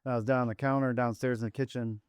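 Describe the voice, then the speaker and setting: A middle-aged man, a father co-hosting a podcast, telling a family story in a loose, animated way and acting out both sides of the conversation. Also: medium pitch, very fast, smooth, no echo, studio quality. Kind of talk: casual storytelling chat.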